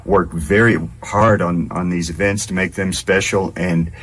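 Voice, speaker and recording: A man's voice: low voice, steady tone, unhurried, fairly bright tone. A man who plays in a band, chatting casually as he answers interview questions. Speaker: band member, interview guest. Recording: faint room noise behind voice.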